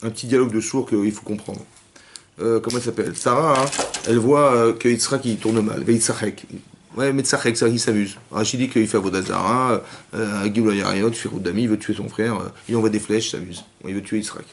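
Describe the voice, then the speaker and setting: A man teaching a lively class to young women, asking questions and acting out cries and quotes. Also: lowish voice, a little fast, a little hiss or hum. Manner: animated, asks questions, acts out cries and quotes. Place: synagogue hall with young women students.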